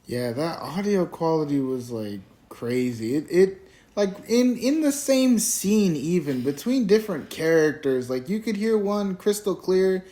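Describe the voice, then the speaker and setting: A man's voice: high voice, lively intonation, unhurried, warm tone. A man co-hosting a casual movie review, laid-back and hedging, with lots of "like".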